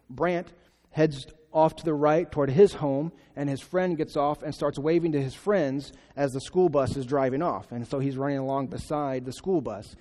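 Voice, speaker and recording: A man giving a sermon in a conversational, halting way, often restarting his sentences. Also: on the high side, dark tone. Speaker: pastor. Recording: long reverb of a large hall.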